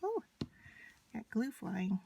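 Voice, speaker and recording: A woman's voice: on the high side, sing-song, takes it slowly. A woman talks casually through a hands-on craft demonstration step by step, unscripted, while she works with her materials. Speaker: craft tutorial presenter. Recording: clear background noise, scratching and clicks from handling materials. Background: scratching and clicking of craft materials.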